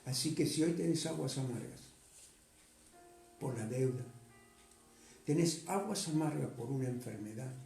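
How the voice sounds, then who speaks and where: A man, a pastor preaching a sermon, reading scripture slowly and then urging his congregation with rising force. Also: medium pitch, lively intonation, gravelly, dark tone, roomy sound, faint music behind.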